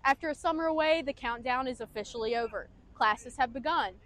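Upbeat high female student reporter. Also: a little fast, slight background noise. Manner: upbeat, energetic narration. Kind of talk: news feature voice-over.

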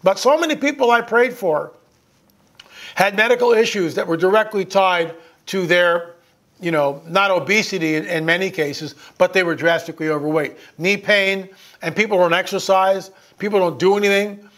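Folksy and conversational, a sixty-something man talks to his listeners in an informal, sermon-like way, leaning on emphasis and rhetorical questions. His voice is notably high-pitched with a fairly bright tone, and he speaks at a normal speed.

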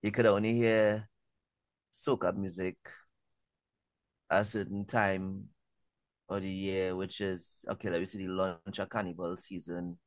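A man being interviewed as a music artist, talking in a relaxed way and often repeating words as he thinks. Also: sits low, a little slow, long pauses, no echo. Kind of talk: casual interview talk.

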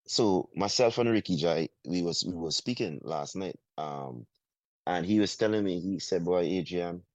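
A man from Guyana with a Guyanese accent, a soca artist talking in a casual interview, halting and full of restarts. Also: deep voice, darkish tone, no room sound. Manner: halting, many restarts, drawn-out phrases. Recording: dull, muffled sound.

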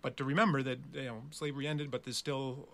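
Fast-talking man with gravelly voice. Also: mid-range voice, flat delivery, a bit bright, a little hiss or hum. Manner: earnest, explanatory. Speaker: guest, community organizer. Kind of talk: casual interview chat.

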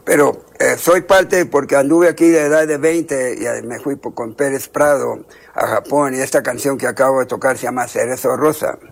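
A man's voice: medium pitch, fairly even intonation, moderate pace, gravelly, breathy edge. An older man from Texas, a trumpeter, chatting in a radio interview and rambling through long lists of names. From Texas, USA. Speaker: trumpeter guest.

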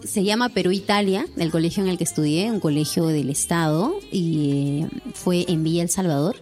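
A young Peruvian woman with a Lima accent, talking easily as a guest on an interview show. Her voice sits a little low for a woman, and she laughs readily and keeps checking in with her listener. Faint music plays under the talk. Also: normal speed, darkish tone. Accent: Peruvian Spanish, Lima. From Peru, born in Lima. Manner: chatty, laughs often, tag questions. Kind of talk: casual interview chat.

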